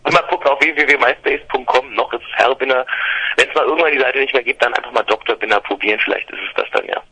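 Husky-voiced man on the phone. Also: mid-range voice, quick pace, pushed and bright. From Berlin, Germany. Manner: hesitant, many fillers and restarts. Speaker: singer-songwriter guest. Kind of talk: casual phone interview. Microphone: telephone line. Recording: phone line into radio studio.

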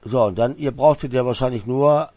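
A man's voice: mid-range voice, fairly quick, dark tone, no echo, muffled recording. Stammering casual male radio host. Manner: stammers and repeats words while searching. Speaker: radio interviewer.

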